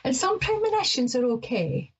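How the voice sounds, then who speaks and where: With a high voice that swoops wildly up and down, this Ayrshire woman in middle age rambles hesitantly through her psychic call-in show at a moderate pace, leaning on plenty of fillers. There's a slight roughness to her, and the audio is dull.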